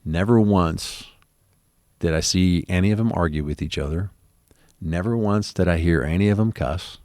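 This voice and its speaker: Interviewee, man, very low voice, chatty rambling storyteller, dry recording. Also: normal speed, a little mellow, dry recording. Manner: rambling storyteller with many ums, acting out quoted exchanges.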